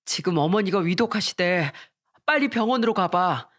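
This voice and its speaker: A woman voicing a schoolteacher who speaks in a hurried, urgent way. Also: on the low side, animated, lightly acted.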